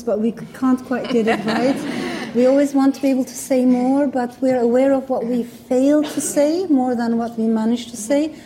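In a public talk, a guest speaker from Turkey speaks second-language English with a Turkish accent, thoughtful and earnest, with minor restarts. Her voice is warm and rather high, and a slight hiss or hum can be heard.

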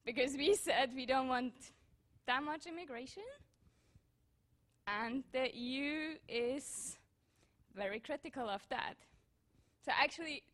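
High-voiced young woman from Switzerland. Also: a bit bright. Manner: informal, self-correcting. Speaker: student speaking from the audience. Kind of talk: spontaneous comment at a public debate.

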